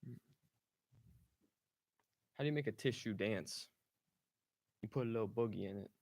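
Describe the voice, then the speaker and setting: A man trading dad jokes in a contest, delivering setups and punchlines deadpan with short thoughtful hums. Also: fairly low pitch, normal speed. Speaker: joke contestant.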